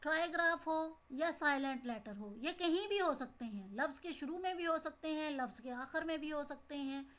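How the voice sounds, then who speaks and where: A woman's voice: high-pitched, moderate pace, a bit bright. A woman with a Pakistani Urdu accent, explaining an English lesson to young pupils. She asks the class questions and repeats each word. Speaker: teacher.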